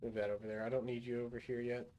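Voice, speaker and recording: Speaking very fast in a mellow, medium-pitched voice with little pitch movement, this man streams a rocket game, talking himself through each move. There's a slight hiss or hum, and his casual commentary is muttered with fillers and restarts.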